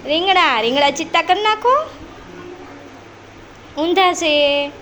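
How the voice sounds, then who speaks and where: A woman preschool teacher quizzing small children in a classroom, speaking slowly and patiently and repeating each child's answer back. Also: extremely high pitch, animated, bright, forceful tone, slight background noise.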